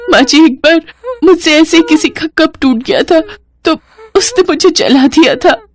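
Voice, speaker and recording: A woman's voice: fairly high pitch, fairly even intonation, normal speed, darkish tone, voice pushed up, natural voice. A woman voicing a timid young bride in a cartoon story, who talks in an anxious, pleading, stammering way. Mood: frightened. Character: timid young new bride, easily frightened.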